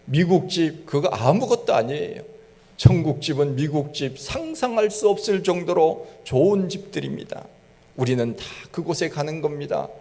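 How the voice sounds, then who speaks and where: A middle-aged male pastor from Gangwon Province preaches a sermon in a folksy storytelling style, imitating regional dialect phrases. His voice is on the high side, expressive and warm, at a moderate pace, with long reverb from the church sanctuary.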